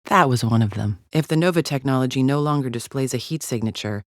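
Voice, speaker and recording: Voicing a scornful female alien agent in a video game, a woman with an extremely low voice rattles off her scripted lines quickly. Her manner is formal, clipped and disdainfully precise, with a cool, condescending air, captured in a dry, clean studio recording.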